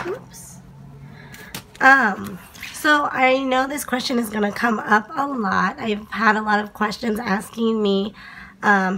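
Young woman, hoarse from a cold, gravelly, chatty haul vlog, faint hiss. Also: medium pitch, a bit bright. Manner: chatty, many fillers. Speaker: planner vlogger. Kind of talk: casual haul video.

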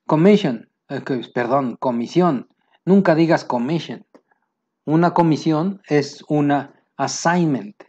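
A man with a Mexican Spanish accent teaching military vocabulary, pausing to say each English term slowly and plainly. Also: fairly high pitch, darkish tone, slightly rough, muffled recording. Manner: explains terms, slows down for English words. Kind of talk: vocabulary lesson.

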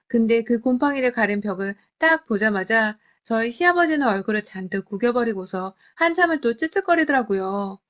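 A woman's voice: a little high, fairly bright tone. A woman narrating a scripted first-person family story in an emotional, confiding way.

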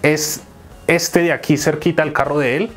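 A man, explaining an English lesson and slowing down to pronounce the English examples. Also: fairly high pitch, steady tone, fairly bright tone, faint music behind. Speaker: English teacher.

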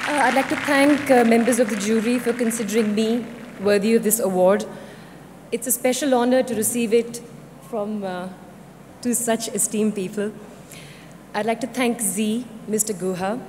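A woman giving a halting award acceptance speech on a big stage, her voice quivering. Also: medium pitch, fairly even intonation, darkish tone. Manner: halting, with pauses and fillers. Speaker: award winner. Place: large awards hall stage. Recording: long hall reverb, faint noise.

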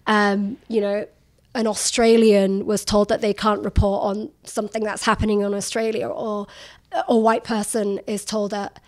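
A woman journalist in her thirties speaks candidly as an interview guest, her medium-pitched, darkish voice flat in delivery at a moderate pace. She is forthright and emphatic, sprinkling her speech with lots of "like."

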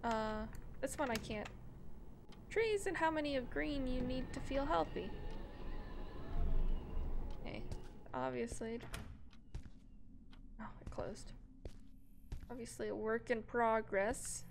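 A woman gives casual let's play commentary, joking and reacting aloud as she plays. Her voice sits fairly high and carries a gravelly fry. A faint hiss runs underneath. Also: lively intonation, slow, pauses often.

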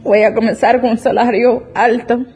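Earnest young woman with a husky, mellow voice. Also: on the high side, steady tone, normal speed. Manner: emotional, earnest, with frequent restarts. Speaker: church testimony speaker. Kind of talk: personal faith testimony.

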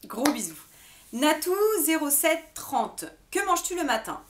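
A woman's voice: high voice, very animated, measured pace. A young woman from France, a beauty vlogger chatting casually to camera and answering viewer questions, giggly and full of fillers. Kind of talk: casual FAQ chat to camera.

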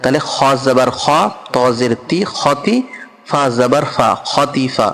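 A man's voice: mid-range voice, fairly even intonation, slow pace, a bit bright, in a large hall. A man teaching Quran reading, patiently spelling out each letter and syllable aloud. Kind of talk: slow spelling-out lesson.

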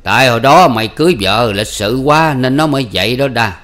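A man's voice: mid-range voice, lively intonation, fairly quick, a bit bright, voice pushed up, close to an everyday voice. A man voicing a mocking old village official. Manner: teasing, blunt, laughing at others.

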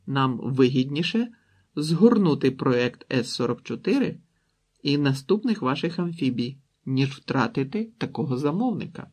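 A man reading an audiobook, voicing a polite, matter-of-fact aircraft executive in a slightly raised, louder voice with a raspy edge. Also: medium pitch, expressive, moderate pace. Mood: polite, cool. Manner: courteous, matter-of-fact, dismissive. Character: smooth polite American aircraft executive, middle-aged man.

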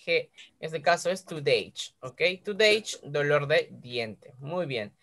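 A woman with a low voice teaches English vocabulary to a group of children. She is patient, repeating each word slowly and encouraging the class with frequent praise. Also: lively intonation. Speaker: primary school English teacher.

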